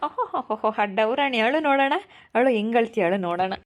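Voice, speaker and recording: A woman's voice: on the high side, lively intonation, quick pace, close to an everyday voice. A woman voicing a fallen man who whines that he cannot get up, with a Hiriyur Kannada accent. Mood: teasing. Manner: whiny, pleading, sly teasing. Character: Sundara, a fallen man playing helpless.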